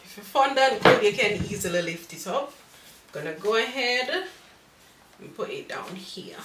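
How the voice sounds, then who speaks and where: A woman's voice: mid-range voice, animated, moderate pace, a bit bright, roomy sound, far from the mic, slight background noise. A woman with a Jamaican accent hosting a live cake-decorating tutorial, chatty and motherly as she gives viewers advice and calls them darling.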